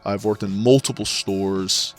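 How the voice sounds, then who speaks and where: A man's voice: on the low side, steady tone, unhurried, soft background music. A man who works in retail sales, telling stories in an exasperated, profane rant with frequent stumbles and restarts. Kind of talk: ranting storytelling.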